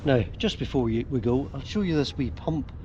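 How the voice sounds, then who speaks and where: A man's voice: medium pitch, expressive, fairly quick, darkish tone, muffled recording. An older man with an Ulster accent chats casually and easily to camera outdoors, explaining things with homely dialect words. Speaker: kayaking vlogger. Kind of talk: casual chat to camera while out kayaking. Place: outdoors by a slipway and on the sea in a kayak. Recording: outdoor recording with clear background noise.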